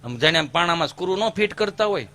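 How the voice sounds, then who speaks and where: High, bright-voiced Kathiawadi storyteller man. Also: quick pace. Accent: Kathiawadi Gujarati. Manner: animated, acts out voices of people in his stories. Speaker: folk comedian and storyteller. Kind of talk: stage folk storytelling comedy.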